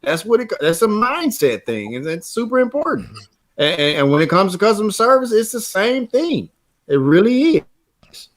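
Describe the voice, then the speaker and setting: A man's voice: high-pitched, big pitch swings, normal speed. A man co-hosting a casual podcast chat, chatty and leaning on like and you know. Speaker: co-host.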